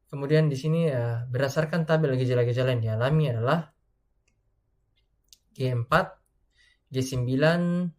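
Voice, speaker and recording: A man's voice: medium pitch, normal speed, pauses often, darkish tone. A young man from Indonesia giving a student class presentation, hesitating often and reading through lists of codes. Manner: hesitant, many filler sounds, reads lists of codes.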